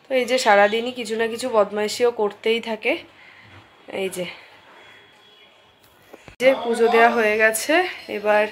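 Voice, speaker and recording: A young vlogger with a Bengali accent narrates her family's day on a handheld phone, chatting directly with viewers and occasionally speaking softly. Her voice is on the high side and steady, at a moderate pace with long pauses, and there's a little hiss or hum.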